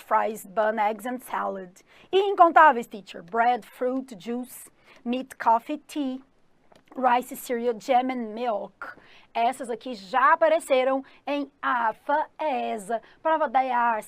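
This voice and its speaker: A Brazilian woman with a fairly high voice teaches an exam-prep English lesson. She is upbeat and keeps checking in with her listeners. The sound is dry and close, with no room echo. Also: fairly bright tone. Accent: Brazilian Portuguese. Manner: calls herself 'the teacher' in third person.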